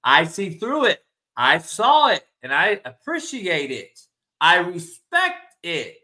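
A man hosting a casual sports debate, loud, opinionated and ribbing, blunt and profane, repeating his points for emphasis. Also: high voice, wildly swooping pitch, slow pace. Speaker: sports talk show host.

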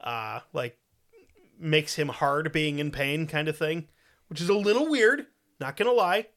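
A man's voice: a little high, lively intonation, measured pace, a bit bright. Man telling a crime story, crude and joking. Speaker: podcast host.

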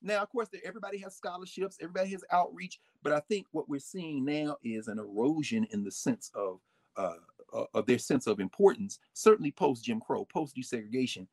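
A man talks in a casual, emphatic way, often slipping into the voices of people he quotes. His voice is husky and sits a little high, with lively swings in pitch. The sound is dry and close. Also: brisk, no room sound. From United States. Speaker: guest speaking on fraternities and history. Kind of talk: casual storytelling conversation.

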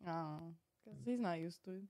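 A woman's voice: on the low side, moderate pace, darkish tone. A young woman from Slovakia, speaking with a Slovak accent as a podcast guest, chatting casually in a blunt, self-deprecating way. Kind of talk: casual chat.

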